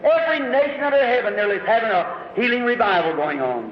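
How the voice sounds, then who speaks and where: A man preaching a sermon, telling stories dramatically and rising to shouts. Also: very high-pitched, expressive, fast. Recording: echoey hall, dull lo-fi recording.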